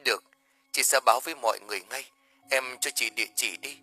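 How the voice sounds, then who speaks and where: Man doing a hushed, hurried woman on the phone. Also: mid-range voice, no room sound, faint music behind. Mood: worried.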